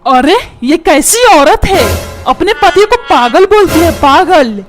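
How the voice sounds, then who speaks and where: A woman voicing a short-tempered middle-aged father in a comic cartoon, scolding and shouting threats in a squeaky, very high voice. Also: animated, takes it slowly, full character voice. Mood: ranting. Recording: music playing loudly underneath.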